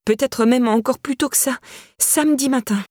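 A frightened young woman pleads her innocence in a raised, strained voice, as a female audiobook reader puts her on. Her words run breathy and husky, tumbling out in panic, and the dry close sound leaves no room around them. It is storybook reading with a lifted pitch. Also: normal speed, darkish tone, no room sound. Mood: shocked. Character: anxious young woman questioned by police.

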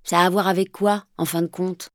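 A woman's voice: lowish voice, little pitch movement, brisk, dry recording, studio quality, lightly acted. A woman voicing a scornful sullen teenage boy. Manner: curt, dismissive retorts.

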